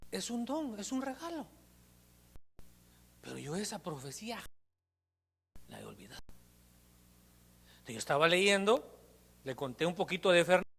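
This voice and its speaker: A male pastor tells his testimony from the pulpit in a lively, animated storytelling manner. His pitch rises and falls widely as he acts out moments. A long reverb from the church hall trails each phrase. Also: moderate pace, creaky, pauses often, breathy edge. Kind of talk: sermon with personal testimony.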